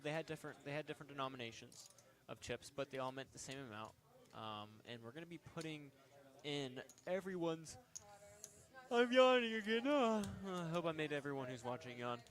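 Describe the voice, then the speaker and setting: Young man, casual poker stream commentary, joking, rambling, mid pitch. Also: a bit bright.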